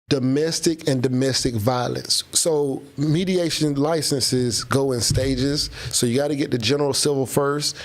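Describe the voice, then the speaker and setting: A man's voice: a little high, a little mellow. A man from Florida hosting a live stream, chatting casually with viewers in slang and reading out their comments. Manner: laid-back, slangy, reads out chat comments. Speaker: livestream host.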